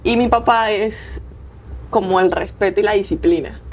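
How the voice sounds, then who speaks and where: Speaking at normal speed in a mid-range voice, a young Colombian-accented woman appears as an athlete guest. Her interview storytelling is emotional and tearful, and she expressively performs the voices of those she quotes.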